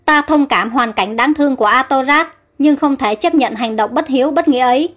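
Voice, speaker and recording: List: woman as worried young queen, pleading, gentle, storybook tale. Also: sits high, a little fast, faint music behind.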